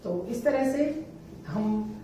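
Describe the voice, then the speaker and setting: Slow, echoey woman teaching phonics. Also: on the high side, expressive, mellow, slight background noise. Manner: spells words letter by letter, then repeats slowly. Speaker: English teacher. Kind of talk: beginner phonics lesson. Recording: echoey room, voice from a distance.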